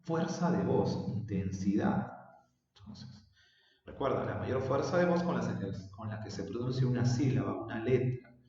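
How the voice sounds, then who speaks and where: A secondary school language teacher explains a lesson patiently in a recorded remote class, drawing out his example words. His mid-range voice is dark and a little slow, with slight background noise, and the recording sounds dull, roomy, and distant with a long reverb.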